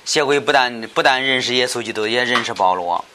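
A man's voice: mid-range voice, a little fast, bright, forceful tone, slight background noise. A man teaching a Bible study lecture, talking hesitantly with many fillers and repeated words, often asking his listeners questions.

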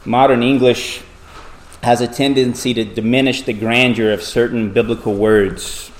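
Male pastor at a pulpit mic, mid-range voice, measured and deliberate sermon delivery. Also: mid-range voice, steady tone, slight background noise. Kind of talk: sermon with scripture reading and prayer.

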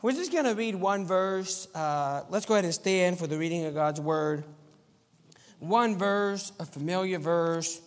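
A man with a high-pitched voice preaches at a measured pace as a visiting missionary; he was raised in Argentina as a missionary kid. His informal, plain-spoken sermon, mixing anecdotes and prayer, is recorded live at a Sunday service in a church sanctuary with long, echoey reverb.

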